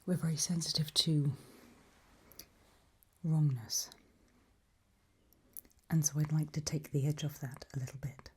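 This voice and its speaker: An ASMR role-play by a woman as an eerie, gentle undead mentor in a creepy audio drama. Her voice is very breathy and low, mellow at the edges. She instructs softly and patiently, with quiet unease underneath. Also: fairly even intonation, unhurried, long pauses, heavily acted. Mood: calm, quietly menacing. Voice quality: breathy, husky soft voice.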